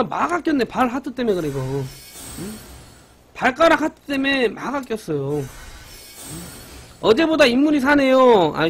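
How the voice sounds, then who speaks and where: Young man, game streamer, high voice, very animated pitch, joking banter with chat, faint background noise. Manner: excited, banters with viewers, mock-cursing. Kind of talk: live game commentary with chat.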